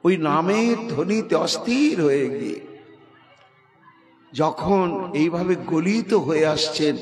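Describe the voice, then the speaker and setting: A man recounting devotional scripture stories to a live gathering, slow and dramatic, acting out the figures he quotes. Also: a little high, lively intonation, crowd noise. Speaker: religious storyteller. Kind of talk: devotional scripture recitation to a crowd.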